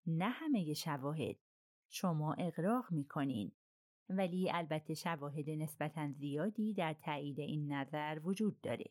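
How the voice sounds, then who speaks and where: A woman voicing a calm, methodical middle-aged male detective who reasons in a measured way. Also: low voice, no echo, clean studio sound, natural voice.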